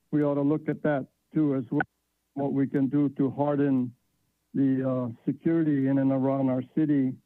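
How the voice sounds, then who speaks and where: A man phoning in to a public meeting over a crackly line that breaks up with static, speaking haltingly with many hesitations. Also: fairly high pitch, no room sound. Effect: crackly phone line with static, breaking up. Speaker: caller giving public comment at a city council meeting. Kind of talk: public comment by phone. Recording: tinny dry phone line.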